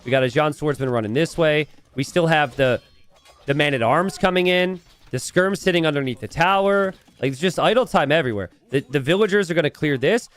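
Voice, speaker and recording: A man's voice: fairly high pitch, a bit bright. Man casting esports, stressing key phrases. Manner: esports caster delivery, stressing key phrases with drawn-out words. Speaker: esports caster and streamer. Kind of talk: live esports commentary of a strategy game.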